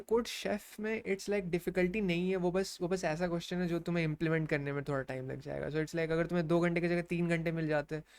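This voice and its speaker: A man's voice: on the high side, darkish tone. A young man with an Indian accent, casually rambling about competitive programming, mixing Hindi and English.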